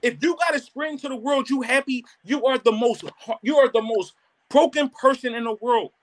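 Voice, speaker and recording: Man, very high voice, emphatic podcast rant, acted-out quotes, swearing. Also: moderate pace. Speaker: podcast co-host. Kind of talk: casual podcast debate.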